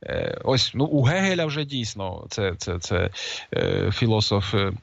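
A man's voice: on the low side, big pitch swings, unhurried, vocal fry, dry recording. A man giving an unscripted lecture, talking in a hesitant way with frequent filler sounds and restarts. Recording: dull lo-fi dry recording.

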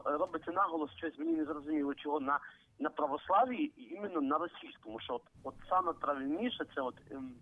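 A man from Ukraine phones in to a radio program, his gravelly voice rushing ahead with a lively, swinging pitch. He stumbles and restarts as he asks his questions. It all comes through a tinny telephone line. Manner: hesitant, restarts often. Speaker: caller.

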